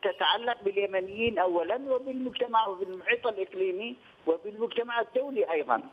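A man's voice: sits high, husky. Older man over a tinny phone line. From Yemen. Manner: measured, repeats phrases, hesitant fillers. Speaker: studio guest, former press union head. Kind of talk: remote news interview.

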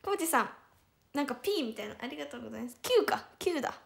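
A woman's voice: sits high, expressive, very fast, vocal fry. A young woman with a Hiroshima accent chatting casually on a livestream. She giggles often and answers viewers' comments one by one. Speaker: idol livestreamer.

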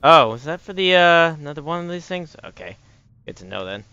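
Male game streamer thinking aloud, bright voice. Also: a little high, sing-song, fairly quick, clear, resonant tone, no echo, lo-fi sound. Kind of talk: casual gameplay commentary. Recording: faint background noise, clicking.

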